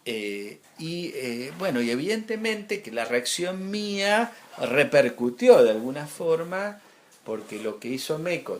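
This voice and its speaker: An Argentine man being interviewed, his voice moving through a lively, animated melody. He talks in a relaxed, anecdotal way, often stopping to restart a phrase or reach for the next word. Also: mid-range voice, a little hiss or hum. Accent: Argentine Spanish. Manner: anecdotal, hesitant with frequent restarts and fillers. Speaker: interview guest, art curator. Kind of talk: casual conversation.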